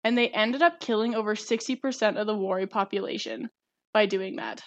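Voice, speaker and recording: A woman's voice: mid-range voice, brisk. A young woman co-hosting a podcast, explaining a topic eagerly, like a student presenting research. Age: young adult. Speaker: podcast co-host. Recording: slightly dull lo-fi sound.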